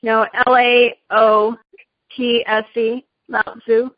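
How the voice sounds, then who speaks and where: A woman's voice: fairly high pitch, level tone, takes it slowly, no room sound. A woman teacher answering questions in a casual discussion, friendly and often hesitating with fillers. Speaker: teacher giving advice. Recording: dull dry lo-fi sound.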